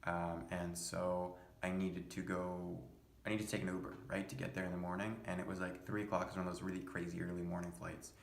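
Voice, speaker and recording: A man's voice: low voice, monotone, a little fast, slight background noise. A young man from the United States telling a story in a rambling, exasperated and profane way. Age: young adult. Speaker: vlogger. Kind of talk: casual storytelling. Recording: echoey room.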